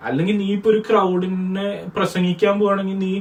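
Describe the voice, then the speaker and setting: A young Malayali man as co-host in a casual question-and-answer chat, explaining his views in a calm, lecturing way. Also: high voice, fairly quick, reverberant. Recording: distant mic with faint noise.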